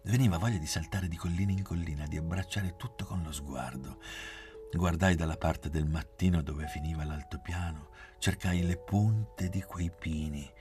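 A man reading a literary novel aloud in a measured, expressive way. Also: deep voice, faint music behind. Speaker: reader.

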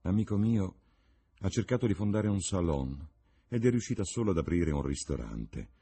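A man's voice: deep voice, lively intonation, moderate pace, dark tone, slightly rough, pitched above the performer's own voice, exaggerated voice. A man reading Lord Henry, a witty cynical lord.

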